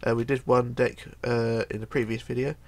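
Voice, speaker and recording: Hoarse with a cold, a middle-aged man narrates a casual game build tutorial from his home computer desk, chatting and counting blocks aloud with frequent mumbling. His mid-range voice is a little mellow, barely moves in pitch, and keeps a moderate pace.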